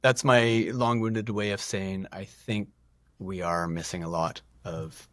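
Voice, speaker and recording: Middle-aged guy on a podcast, lowish voice, rambly and self-deprecating, dry close mic. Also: fairly even intonation, slow, a bit bright, dry recording. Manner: rambling, self-deprecating, frequent restarts and laughs. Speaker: podcast guest. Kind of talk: casual podcast conversation.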